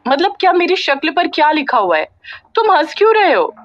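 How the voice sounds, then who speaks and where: A woman's voice: on the high side, sing-song, moderate pace, fairly bright tone, no echo. A woman narrator voicing Tara, a good-natured young woman who keeps asking bewildered questions. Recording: dull lo-fi audio with faint music.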